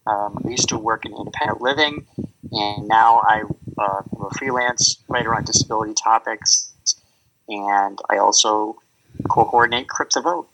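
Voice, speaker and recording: A man speaking haltingly and casually as a podcast guest. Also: on the low side. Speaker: podcast guest, activist and writer. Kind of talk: casual self-introduction. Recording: dull, noisy line with clicks.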